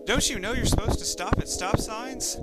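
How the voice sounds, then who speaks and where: A man's voice: a little high, lively intonation, moderate pace, over loud music, voice pushed up. A man voicing a lecturing elderly grandfather with a Canadian accent in a read-aloud horror story. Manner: lecturing, folksy.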